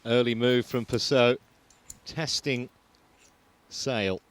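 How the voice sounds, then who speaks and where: A man calling the play-by-play at a poker tournament, narrating the action in a dry, measured way. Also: mid-range voice, steady tone.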